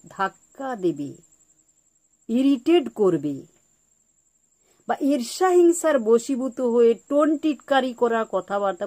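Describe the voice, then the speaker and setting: A woman giving a spiritual talk on parenting, repeating her key points slowly like a teacher. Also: mid-range voice, darkish tone. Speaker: spiritual speaker.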